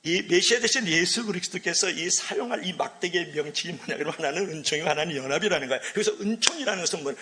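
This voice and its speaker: A male pastor preaching a sermon in an animated way, asking the congregation questions. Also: fairly high pitch.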